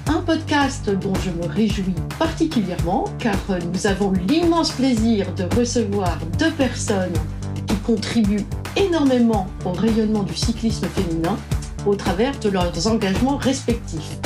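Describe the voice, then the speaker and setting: A woman's voice: medium pitch, expressive, unhurried. A woman podcast host reading a formal scripted introduction. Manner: formal, read aloud. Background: faint music.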